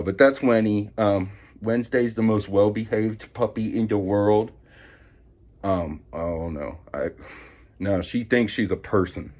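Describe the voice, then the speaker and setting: Deep-voiced man for a home vlog; chatty, rambling, pokes fun at himself. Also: a little mellow. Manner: rambling, self-deprecating, chatty. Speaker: vlogger. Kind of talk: casual show and tell. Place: indoors at home.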